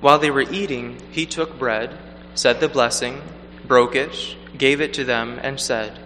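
Man, preacher, bright voice, cathedral echo, long church reverb, faint hum behind. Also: medium pitch, steady tone. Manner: measured, earnest delivery. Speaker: preacher at Mass. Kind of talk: gospel reading and homily. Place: large church.

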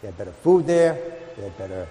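A man's low-ish, mellow voice moves quickly and very animatedly as he, a priest, reads the Gospel and preaches. The homily feels conversational, built on everyday examples and acted-out asides, and the cavernous church surrounds it with long cathedral reverb.

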